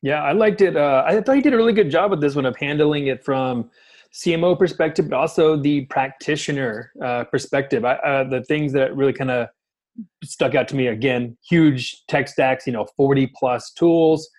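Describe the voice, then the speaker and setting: A man's voice: medium pitch, normal speed, darkish tone. Easygoing podcast co-host, a man. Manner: easygoing, laughs often, many fillers. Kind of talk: casual chat.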